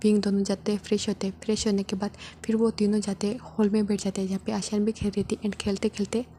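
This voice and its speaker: A woman's voice: mid-range voice, level tone, fast talker, dark tone, a little hiss or hum. A woman casually narrating a fan fiction story in a rambling retelling.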